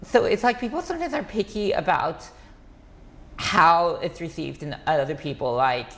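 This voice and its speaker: A man talking as a podcast guest. He speaks quickly, with many fillers, restarts and broken-off phrases. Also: fairly high pitch, lively intonation, fairly bright tone. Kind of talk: casual conversation.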